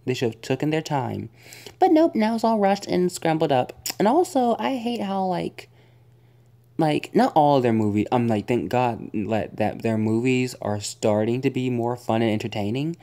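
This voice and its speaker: A woman's voice: a bass voice, very animated, normal speed, mellow. A young woman vlogger giving a casual spoken movie review, rambling and exasperated, full of fillers and groans.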